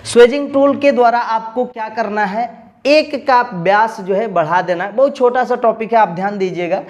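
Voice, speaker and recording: A man's voice: high-pitched, moderate pace, muffled recording. A man explaining, step by step, how to weld AC copper pipes, talking directly to his students as an instructor. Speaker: AC repair instructor. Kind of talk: tutorial lesson.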